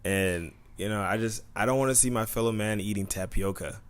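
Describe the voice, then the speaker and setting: Deep-voiced joking young man. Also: brisk. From Tampa, Florida. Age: 20s. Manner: joking, rambling, full of "you know". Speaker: podcast co-host. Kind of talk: casual podcast chat.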